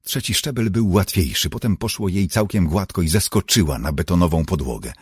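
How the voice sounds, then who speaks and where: A man with a very low, husky voice narrating an audiobook in a measured, steady storytelling manner. The sound is dry and close, with no room echo. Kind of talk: scripted narration.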